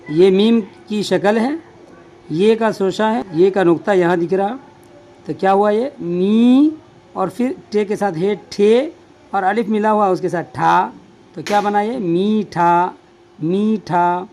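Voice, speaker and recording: A man teaching a beginner's reading lesson, patiently spelling out each word letter by letter and repeating it slowly. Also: high voice, darkish tone, a little hiss or hum. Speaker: Urdu teacher.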